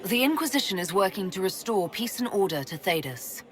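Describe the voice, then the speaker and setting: Earnest heroine, lively intonation. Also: female voice, mid-range voice, a little fast, faint music behind. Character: earnest, diplomatic young elven heroine. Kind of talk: fantasy game voice acting.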